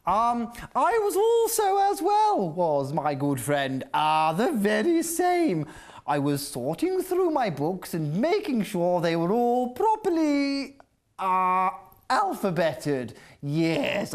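A performer playing a silly, eager adult man in a kids' puppet show, with bouncy put-on voices. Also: mid-range voice. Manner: bouncy, goofy, swooping voice put-ons.

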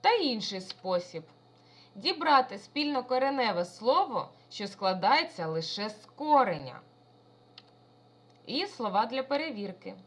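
Slow sing-song woman teacher. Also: a little high, sing-song. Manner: slow, sing-song, affectionate toward children. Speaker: primary school teacher. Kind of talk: recorded lesson for young children.

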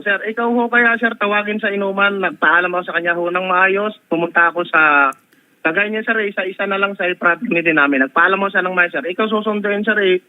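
A man on a phone call, answering a complaint defensively and calling the host "sir" again and again. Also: high-pitched. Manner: defensive, repeatedly saying "sir". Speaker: husband responding to a complaint. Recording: tinny phone line.

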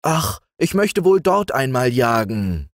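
A man's voice: medium pitch, big pitch swings, slow pace, dry recording, clean studio sound, voice pushed up. A man reading aloud voices a restless young village lad, eager and pleading. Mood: yearning.

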